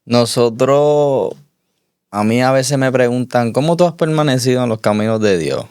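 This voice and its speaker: A man, an interview guest, giving a measured, reflective faith testimony that repeats its key lines. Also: mid-range voice, darkish tone, clean tone, dry recording, studio quality.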